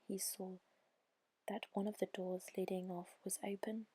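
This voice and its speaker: Close to the mic, a woman whispers a bedtime story in a soft, breathy, unhurried ASMR style. Her voice sits in the mid-range, with no room sound and a low-quality recording.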